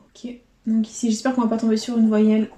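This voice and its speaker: A woman's voice: a little high, little pitch movement, a little fast, warm tone. A woman vlogger chatting casually as she scratches lottery tickets, counting out letters and numbers. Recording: echoey room.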